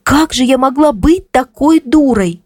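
A woman's voice: a little high, big pitch swings, brisk, darkish tone, breathy edge, dry recording, studio quality, voice pushed up. A woman voicing a young female friend who asks eager, curious questions and blames herself. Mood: dismayed.

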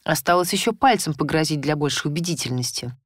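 A woman reading a first-person story as audiobook narration, in an expressive storytelling manner. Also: deep voice, quick pace, no room sound, clean studio sound. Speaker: audiobook reader.

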